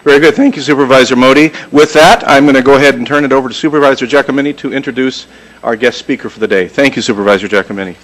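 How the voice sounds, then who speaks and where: A man chairing a county board hearing in a crowded meeting room, formal and a little halting as he reads out records. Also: medium pitch, rough recording. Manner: formal, halting with uh fillers when reading.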